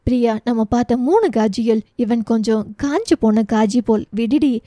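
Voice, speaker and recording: A woman's voice: fairly high pitch, normal speed, dark tone, no echo, studio quality, natural voice. A woman voicing a brash, cheeky young woman. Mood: mocking. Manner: teasing, boastful banter.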